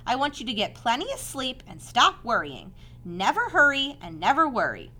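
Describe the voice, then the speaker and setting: Wise motherly spider, acted by a woman, storybook character, raised pitch, lively intonation, brisk, precise, protective. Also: heavily acted. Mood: firm, motherly. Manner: brisk, precise, gently instructive.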